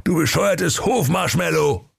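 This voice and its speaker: A man voicing a gluttonous, bossy old fairy-tale king who shouts his demands. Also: fairly high pitch, measured pace, vocal fry, breathy edge, faint music behind, voice pushed up, exaggerated voice. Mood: whining.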